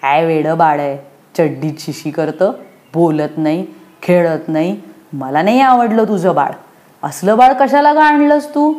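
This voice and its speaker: A jealous little girl from a storybook, whining and sulking in a high, pleading childish voice, as a woman narrator puts her on. She is petulant and stubborn, tugging for attention. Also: expressive, unhurried, darkish tone. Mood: indignant.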